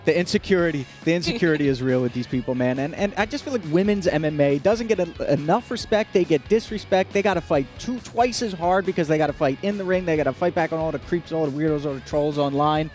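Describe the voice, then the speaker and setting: A man's voice: fairly high pitch, fast talker, few pauses, a little mellow, soft background music. A man giving casual, informal sports commentary, repeating phrases for emphasis. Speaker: colour commentator.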